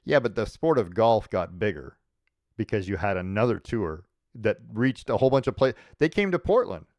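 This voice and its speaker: Man, low voice, dry close sound, blunt opinions, casual sports chat. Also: sing-song, moderate pace, darkish tone, dry recording. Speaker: co-host.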